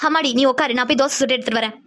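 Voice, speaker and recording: A woman's voice: high-pitched, very fast, a bit bright. A woman doing a caring cartoon aunt. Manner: caring, insistent. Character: kindly caring aunt, middle-aged.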